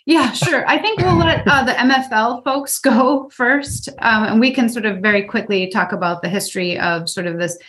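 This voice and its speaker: A woman's voice: on the high side, moderate pace, few pauses, a bit bright. A woman being interviewed as program staff, explaining things in casual talk.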